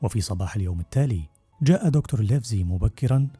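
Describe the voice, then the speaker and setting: A male audiobook narrator telling the story in a brisk, steady way. His voice is very dark and low-pitched, with a husky grain, and he reads quickly. The recording is dry and close. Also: no room sound, faint music behind. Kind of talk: scripted narration.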